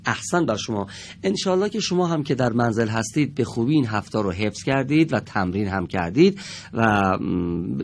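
A man teaching a televised classroom lesson in a studio, patient and encouraging with the pupils, drawing out each example word slowly and deliberately. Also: mid-range voice, a little hiss or hum.

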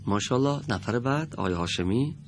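Guy teaching recitation class, mid-pitched voice, patient, stretches out the verses slow. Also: lively intonation, a little hiss or hum. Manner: patient, corrects and praises students; drawn-out slow recitation when modeling verses. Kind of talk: classroom lesson with students reading aloud.

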